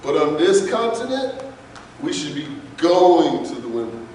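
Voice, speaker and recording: Delivering an impassioned, emphatic lecture full of rhetorical questions, this male guest speaker is very animated and unhurried, with a darkish tone and a voice a little high for a man. The distant pickup rings through a big, echoey hall, with a faint hiss beneath.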